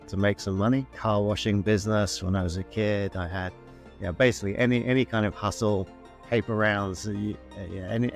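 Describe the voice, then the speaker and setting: A low-pitched guest entrepreneur in his forties, born in New Zealand and raised in the UK, gives a conversational interview answer about his story. He is relaxed and self-deprecating, stumbling over restarts and fillers, with soft music faintly underneath.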